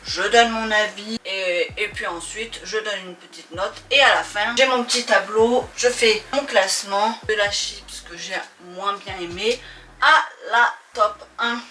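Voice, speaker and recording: A woman with a medium-pitched, sharp-toned voice hosts a snack-tasting vlog, speaking a little slowly. She's chatty, informal and playful with her viewers, calling them pet names.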